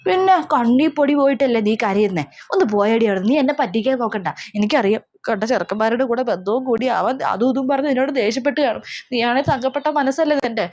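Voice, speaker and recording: A woman's voice: fairly high pitch, fast, few pauses, a little mellow, voice pushed down, lightly acted. A woman playing a melodramatic middle-aged mother in a comedy sketch, scolding and lamenting over and over. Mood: fussing. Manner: scolding, wailing, repeats herself. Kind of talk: comedy sketch role-play.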